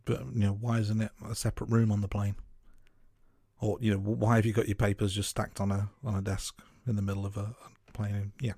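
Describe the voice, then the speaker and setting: A man co-hosting a podcast, giving measured, note-by-note commentary on a film. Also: lowish voice, little pitch movement, dark tone, husky, no room sound, clean studio sound. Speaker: podcast co-host. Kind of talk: casual film review chat.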